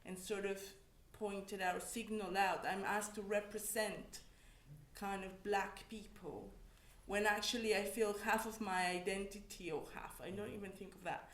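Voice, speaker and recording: Her voice steady, fairly bright and of medium pitch, a woman from Mexico speaks on a panel as an academic, giving personal testimony. She is reflective and halting with frequent restarts, in a room that echoes.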